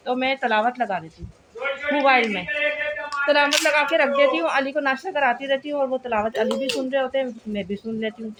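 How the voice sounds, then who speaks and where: पाकिस्तानी उर्दू लहजे वाली एक महिला, जो वीडियो में अपने बच्चे के स्कूल से गुम होने की घटना भावुक होकर सुनाती है, बातें दोहराती है और संवाद उद्धृत करती है; पीछे हल्का शोर है।. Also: female voice, sits high, background noise. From Pakistan. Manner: retells events with quoted dialogue, repeats phrases. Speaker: vlogger mother. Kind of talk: emotional storytelling vlog.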